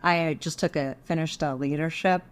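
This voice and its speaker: A woman's voice: deep voice, steady tone, normal speed, clear, resonant tone. A middle-aged woman from Texas, talking thoughtfully and measuredly as a podcast guest. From Texas, USA. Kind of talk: reflective interview talk.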